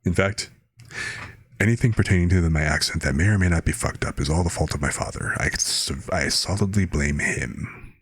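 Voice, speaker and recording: A very deep-voiced man with a husky, breathy edge chats in a relaxed way as a streamer, drifting from one anecdote to the next. The sound is dry and close, with no room around it. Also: fairly quick, no room sound. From United States. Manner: rambling, anecdotal storytelling. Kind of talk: casual chat.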